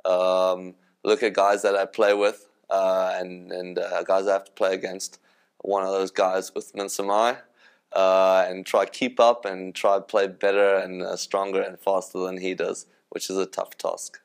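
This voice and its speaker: Smooth low South African man. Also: level tone, unhurried. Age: 30s. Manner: filler-heavy, hesitant. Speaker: ice hockey player. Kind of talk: interview answers.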